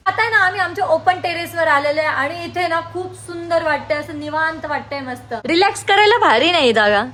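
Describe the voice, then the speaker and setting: A woman's voice: very high voice, fairly quick, a bit bright, reverberant, a little hiss or hum. A woman, chatting casually and teasing family in a home vlog. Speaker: vlogger.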